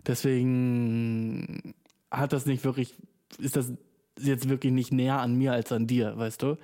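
A young man from Germany talks straight into his microphone for a casual solo podcast. His speech is slangy and full of English words, and he bursts into lively, excited stretches. His voice has a mellow, warm, relaxed tone. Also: medium pitch, measured pace. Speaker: podcast host. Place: small room, speaking into a microphone.

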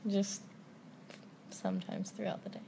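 A woman's voice: a little slow, warm tone, a little hiss or hum. A young woman chatting casually on a travel vlog, giggly and teasing. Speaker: travel vlogger. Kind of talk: casual chat.

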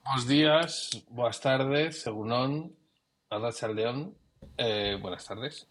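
A middle-aged professional photographer from Spain, appearing as an interview guest, reflects on his career in conversation, often trailing off and restarting. His voice is medium-pitched and fairly bright, and he speaks slowly, with slight background noise.

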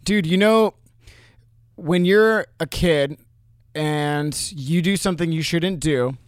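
A man with a smooth, resonant, fairly high voice co-hosts a casual faith podcast. The sound is dry and close, and he stretches out words for emphasis between jokes. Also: slow pace, dry recording. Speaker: podcast co-host.

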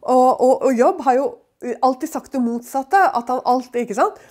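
A woman's voice: high voice, a little mellow. A woman giving a conversational Bible teaching, talking in a chatty way with many fillers and tag questions to her listeners.

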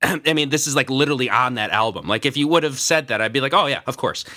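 A man's voice: medium pitch, fast talker, pushed and bright. A man co-hosting a podcast, talking casually about an album with many fillers. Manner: rambling, filler-heavy music talk. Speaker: podcast co-host. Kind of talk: casual chat.

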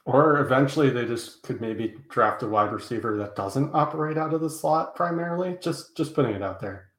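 A man joins a relaxed sports podcast as a guest, talking frankly and poking fun at his own mistakes. His voice is mid-range for a man. The recording carries a noticeable room echo around him. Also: medium pitch, fairly quick. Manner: frank, self-deprecating, talks up strong opinions. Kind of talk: casual fantasy football podcast chat. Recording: echoey room sound.

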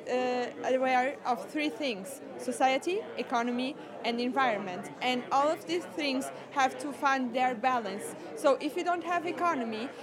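Halting young woman from Portugal. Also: sits high. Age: young adult. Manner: halting, searching for words. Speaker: scout, interviewee. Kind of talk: interview answers. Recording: crowd chatter behind.

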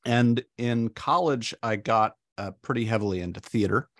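A man's voice: mid-range voice, normal speed, a bit bright, dry recording, studio quality. A guest in his forties speaking in a casual interview, hesitant and full of fillers. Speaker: podcast guest.

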